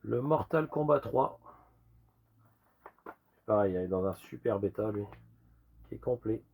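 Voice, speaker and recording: A man with a low, rusty voice and a gravelly creak, hoarse as if getting over a long cough. He chats informally and loosely as he shows off collectibles, over slight background noise with clicks. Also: expressive, a little slow, darkish tone. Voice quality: rusty, worn voice. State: hoarse from lingering cough and illness. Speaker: retro game collector presenting a sale. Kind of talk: casual show-and-tell video commentary.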